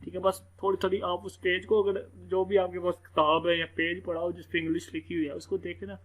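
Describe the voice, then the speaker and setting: A man's voice: sits high, flat delivery, quick pace, a bit bright, low-quality recording. Chatty male teacher. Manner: loose, repetitive, full of "theek hai" fillers. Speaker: English teacher. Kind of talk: casual screen-recorded lesson.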